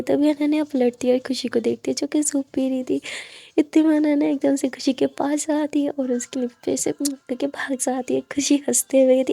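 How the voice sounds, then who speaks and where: A woman's voice: high-pitched, gravelly, dark tone. Woman narrating a romance story.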